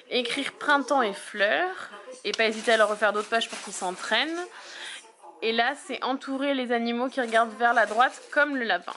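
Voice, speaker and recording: A mother chatting casually as she calmly explains her child's schoolwork step by step. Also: a little high. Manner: explains step by step, calm and practical. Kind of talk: casual chat.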